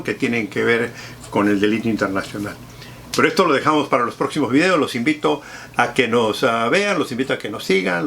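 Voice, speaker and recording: Halting man hosting a commentary talk. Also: medium pitch, gravelly, a bit bright, slight background noise. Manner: formal address to viewers, halting with frequent fillers and repeats. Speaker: host. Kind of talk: solo commentary monologue.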